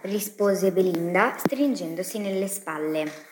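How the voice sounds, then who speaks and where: A woman narrating a children's story in an expressive storytelling manner. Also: medium pitch, slow, a little hiss or hum.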